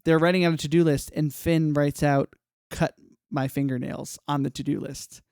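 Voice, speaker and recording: A man co-hosting a casual podcast, talking in an animated, joking, emphatic way on a close mic. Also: on the high side, moderate pace, smooth, dry recording. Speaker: podcast co-host.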